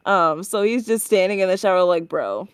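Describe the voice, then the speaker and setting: Smooth chatty woman, dry sound. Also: mid-range voice, fairly even intonation, a little fast, no echo. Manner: chatty, many fillers and restarts, acts out quoted lines. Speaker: podcast co-host. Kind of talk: casual chat recapping a game demo.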